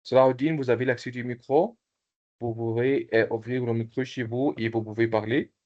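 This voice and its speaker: A man teaching an online language class, slowly repeating phrases and calling on students by name. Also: mid-range voice, steady tone, darkish tone, highs cut off. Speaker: Arabic teacher.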